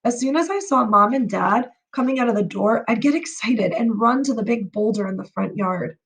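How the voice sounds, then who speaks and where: A woman reading a children's chapter book aloud, telling it gently and expressively. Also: fairly high pitch, lively intonation, normal speed, distant mic.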